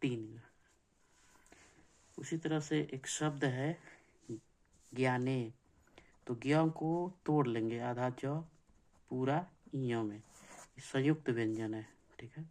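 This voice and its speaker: Man teaching slowly, repeating each step. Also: mid-range voice, a little mellow. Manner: slow, repetitive counting and checking questions. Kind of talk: exam-prep grammar lesson.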